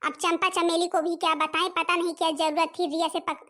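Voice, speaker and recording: A woman's voice: extremely high pitch, flat delivery, brisk, pushed and bright. A woman voicing a scolding middle-aged elder sister-in-law in a cartoon, chattering and talking to viewers. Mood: fretting. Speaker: narrator figure addressing viewers. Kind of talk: Hindi cartoon voice acting.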